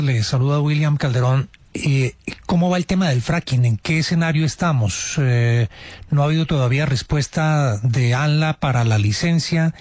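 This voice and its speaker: A man, a radio journalist asking formal, halting questions. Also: a little high, darkish tone, no room sound.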